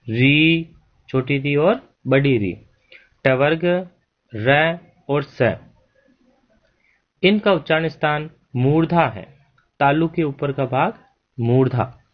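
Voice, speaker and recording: Male teacher, slow and deliberate, slightly higher voice, dull lo-fi recording, spells out sounds in a Sanskrit grammar lesson.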